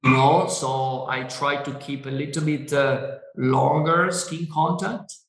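A man, a winery owner whose first language is Italian, speaking on a video call in halting English with many fillers and restarts. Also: medium pitch, fairly even intonation, creaky, fairly bright tone, reverberant, low-quality recording. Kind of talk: Zoom wine tasting interview.

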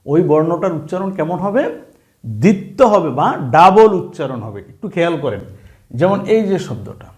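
Speaking at a moderate pace, the man's slightly high, a little mellow voice moves through big pitch swings. He teaches Bengali spelling and pronunciation online, repeating sounds and rules and asking the listener questions to confirm understanding.

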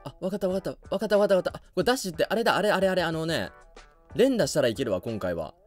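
A man giving let's play commentary on a video game, reacting loudly and laughing often. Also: fairly high pitch, big pitch swings, very fast, faint music behind. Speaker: gaming YouTuber.

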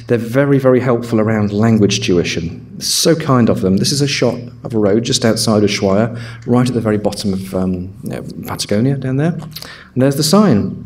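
A middle-aged man speaks to a room of listeners about travel, with a voice at an ordinary middle pitch. His delivery is chatty and jokey, and he drops into brief put-on voices to act out scenes. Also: darkish tone, slight background noise. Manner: chatty and humorous, acts out quick voices. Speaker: presenter at an overland travel show. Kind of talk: live presentation talk with slides. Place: talk in a room with an audience.

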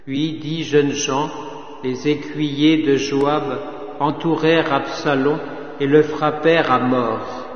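A man reading scripture aloud at a liturgical office, measured and solemn, sometimes slipping into chant. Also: mid-range voice, fairly even intonation. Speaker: liturgical reader. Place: chapel or church. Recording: reverberant church, dull lo-fi sound.

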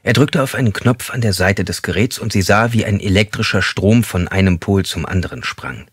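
A man reading a thriller audiobook in an even, measured way. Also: on the low side, breathy edge, no echo, clean studio sound. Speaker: audiobook narrator. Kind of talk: scripted thriller narration.

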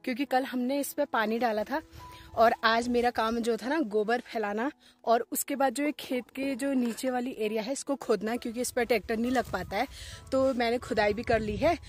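Woman, 30s, from Uttarakhand, rather high voice, chatty village vlogger talking into a phone at arm's length outdoors. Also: steady tone, normal speed, soft background music. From Uttarakhand, India. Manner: chatty, explains each task as she goes. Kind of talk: casual vlog narration to camera. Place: hillside fields outdoors. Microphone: phone held at arm's length.

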